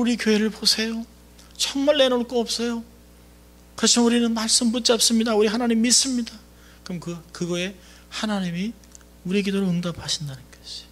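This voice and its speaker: A man preaching a sermon as pastor in a church, animated and acting out voices in dialogue. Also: high-pitched.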